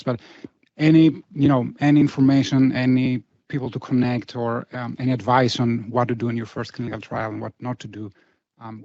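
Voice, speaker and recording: A man's voice: mid-range voice, a little mellow, no room sound. A man talking casually as a startup founder on a panel. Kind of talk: casual conversational panel talk. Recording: dull muffled panel recording.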